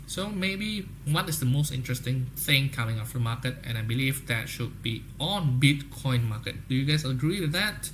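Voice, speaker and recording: A young Indonesian man with an Indonesian accent hosts a live trading stream, chatting casually with viewers in a salesy way and often tagging on "guys, okay?". His mid-range voice is fairly bright and lively, moving at a moderate pace with hardly any pauses over slight background noise.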